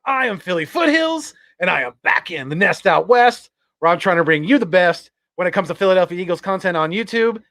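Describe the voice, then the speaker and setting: A man from Northern California joins a sports podcast as a guest, his voice sitting a bit high. He chats in an upbeat way, often stopping to restart with "uh" and "I'm." The sound is dry and close, with no room behind it. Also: lively intonation, fairly bright tone, dry recording. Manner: upbeat, chatty, halting with fillers. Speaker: guest YouTuber. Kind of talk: casual sports podcast chat.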